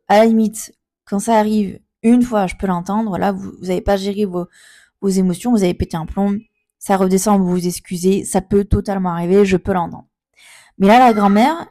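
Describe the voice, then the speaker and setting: A woman's voice: medium pitch, mellow. A woman in a casual storytime vlog, retelling a confrontation as an indignant, emphatic mother who repeats her points.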